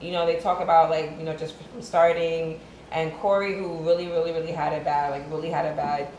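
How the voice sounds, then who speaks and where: A woman's voice: deep voice, steady tone, fairly quick, a little mellow, echoey room, a little hiss or hum, low-quality recording. A woman in casual panel chat, affirming others and rambling through stories.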